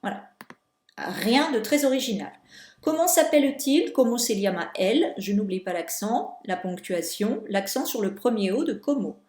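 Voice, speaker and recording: A woman teacher correcting homework for her students, explaining step by step and slowing down on key words. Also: fairly high pitch, animated, a little mellow. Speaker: Spanish teacher. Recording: echoey room.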